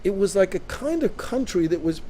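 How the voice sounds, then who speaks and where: A man's voice: high-pitched, very animated, a little fast, warm tone, slight background noise. Emphatic man arguing in casual chat. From Canada. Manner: emphatic, interjects with repeated "right?". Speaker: co-host. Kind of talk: casual discussion.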